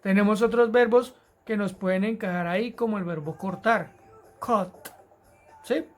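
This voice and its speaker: A woman teaching an English grammar lesson to Spanish-speaking students, explaining rules patiently and repeating key words slowly. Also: medium pitch, faint music behind. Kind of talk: recorded grammar lesson narration.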